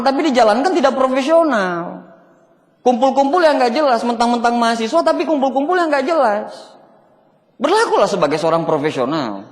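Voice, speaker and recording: A man giving a motivational seminar talk, often asking the audience whether they agree. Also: very high-pitched. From Indonesia. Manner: asks the audience for agreement, mixes casual and formal speech. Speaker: motivational speaker. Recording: long hall reverb.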